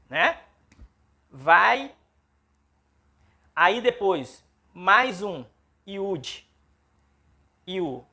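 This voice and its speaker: Slow, gravelly pastor teaching Hebrew. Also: male voice, high voice, bright, forceful tone. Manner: patient, checks understanding with frequent "ok?"; spells out syllables slowly and repeats them. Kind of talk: classroom-style language lesson.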